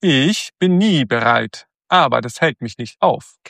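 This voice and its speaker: A man's voice: medium pitch, expressive, measured pace, creaky, fairly bright tone, no room sound. A man voicing a clumsy, sarcastic male robot sidekick who grumbles dry wisecracks. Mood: sardonic.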